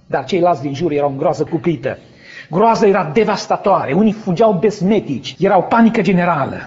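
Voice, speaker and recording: A man preaching a sermon, telling a vivid story with dramatic swells that build to shouts. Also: a little high, dull audio. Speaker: pastor.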